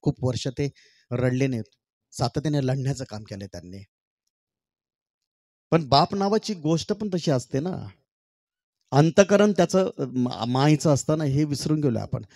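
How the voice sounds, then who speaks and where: A man's voice: mid-range voice, no echo. Dry-voiced male poet singing and chatting on stage. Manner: sings poem refrains slowly and loudly, then talks warmly and chattily to the crowd. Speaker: poet performing for an audience. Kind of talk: stage poetry recital with talk to the crowd. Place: stage at a public event.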